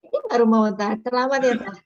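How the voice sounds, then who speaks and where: A woman's voice: a little high, very fast, dull audio. A woman taking part in an online class, answering the teacher's questions in short, hesitant replies. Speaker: webinar participant. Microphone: video call.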